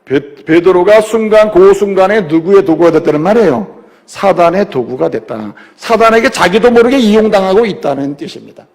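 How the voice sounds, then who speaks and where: A man's voice: high-pitched, animated, brisk, a little mellow. A male pastor preaching a sermon in a church sanctuary, emphatic, often acting out the voices of the people he quotes. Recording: long church reverb.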